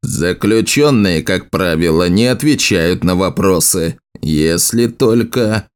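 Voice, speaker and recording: A man voicing a grimy, brutish dungeon guard who talks slowly with a creaky, mocking voice in an audiobook. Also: sits low, animated.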